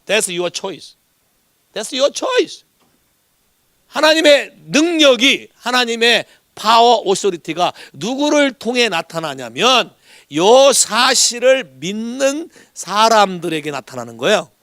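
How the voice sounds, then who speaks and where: A man preaching a Sunday sermon as pastor, lively and animated, who keeps asking the congregation whether they agree and drops English words into his Korean. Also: high-pitched, slow pace, no echo, studio quality. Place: church in Hawaii.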